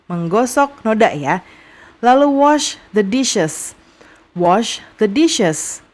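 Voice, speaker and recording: Slow, patient Indonesian woman teacher. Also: fairly high pitch, expressive, a little mellow. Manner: repeats each phrase slowly, patient and drawn-out. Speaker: English teacher. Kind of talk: slow vocabulary lesson for young students.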